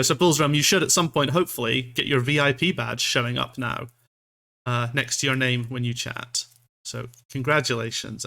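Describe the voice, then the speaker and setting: Male VTuber from Scotland, bright voice, mid pitch, loose rambling livestream chat, self-deprecating, sweary. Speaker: streamer, VTuber.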